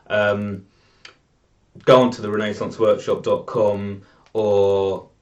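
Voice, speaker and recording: A man hosting a live online drawing class, talking in a relaxed, rambling way with many fillers, over dull video call audio. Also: on the low side. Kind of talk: casual live class introduction.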